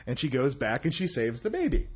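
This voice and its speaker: A man's voice: mid-range voice, very animated, brisk, husky. A man co-hosting a casual movie chat, rambling, repeating words and laughing often. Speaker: podcast co-host.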